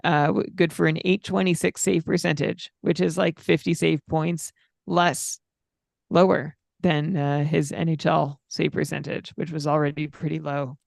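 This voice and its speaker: A man with a slightly high, gravelly voice, talking through numbers in a measured, filler-laden podcast chat. The recording is dry and close. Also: little pitch movement, no room sound. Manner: stat-heavy, measured, frequent fillers. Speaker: podcast co-host.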